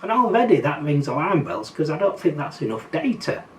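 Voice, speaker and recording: A man's voice: on the high side, very animated, fairly quick. An older man with a Yorkshire accent talking casually to his viewers in a wry, skeptical way. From Yorkshire, England. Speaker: political commentary vlogger. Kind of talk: casual monologue to camera. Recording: slightly distant mic, faint background noise.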